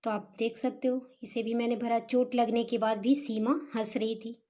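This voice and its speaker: A woman's voice: fairly high pitch, steady tone, mellow. A woman teacher patiently explaining homework answers, mixing English words into her talk. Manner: patient, explains slowly with Hindi-English mix.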